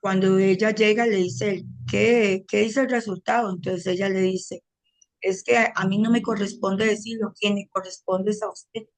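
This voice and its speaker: Costa Rican woman, middle-aged, mid-pitched; earnest first-person testimony with quoted dialogue. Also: fairly even intonation, normal speed, a little mellow. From Costa Rica. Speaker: testimony speaker.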